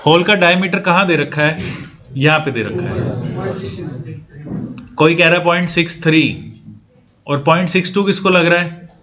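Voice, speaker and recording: A man's voice: a little high, fairly even intonation, normal speed, pauses often, pushed and bright. A man lecturing a class on engineering drawing, quizzing students and repeating key points. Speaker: CAD training instructor.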